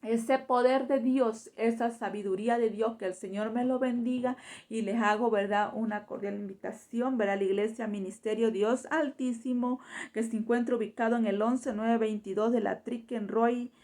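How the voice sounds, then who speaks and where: A woman with a fairly high voice delivers a fervent sermon. She keeps tucking short tag questions into her exhortations to the listeners. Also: fairly even intonation, moderate pace, a little mellow. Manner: fervent preaching, constantly adding tag questions. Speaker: preacher. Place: church.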